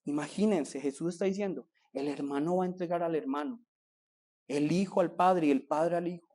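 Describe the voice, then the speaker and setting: A man's voice: fairly high pitch, fairly quick, warm tone. A man preaching a sermon as pastor, asking rhetorical questions and pressing his points with rising emphasis.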